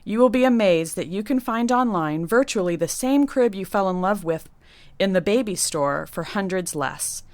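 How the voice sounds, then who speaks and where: A woman's voice: medium pitch, expressive, moderate pace, a little mellow, no echo. A woman nursery designer reading an upbeat scripted money-saving tips segment.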